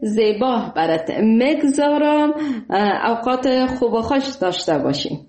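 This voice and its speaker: A woman hosting a call-in show, polite, thanking often and pausing with fillers. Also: fairly high pitch, very animated, a little mellow, echoey room. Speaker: radio show host.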